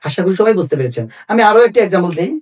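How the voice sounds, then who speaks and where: A man teaching an English lesson. He asks questions and then answers them, and spells out English phrases slowly. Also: sits high, very animated, a little mellow, distant mic.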